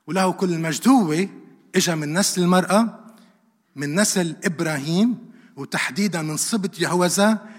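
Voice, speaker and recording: A man preaching a sermon, asking rhetorical questions and repeating verses for emphasis. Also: a little high. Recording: long hall reverb.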